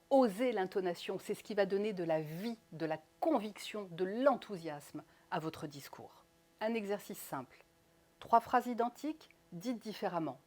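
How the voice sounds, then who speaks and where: A woman coaching public speaking in an instructional video, with crisp articulation and strongly stressed, lively intonation. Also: mid-range voice.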